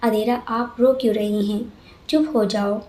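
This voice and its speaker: A woman's voice: on the high side, fairly even intonation, unhurried, mellow, close to an everyday voice. Woman voicing a stern young landlord. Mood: coaxing. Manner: curt and scolding, then coaxing. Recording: roomy echo.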